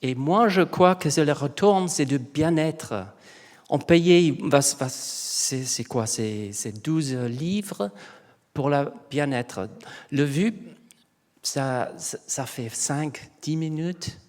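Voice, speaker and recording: A middle-aged man, a native English speaker with a foreign English accent in French, giving an informal conference talk and haltingly searching for words. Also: a little high, lively intonation, darkish tone. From England. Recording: long hall reverb.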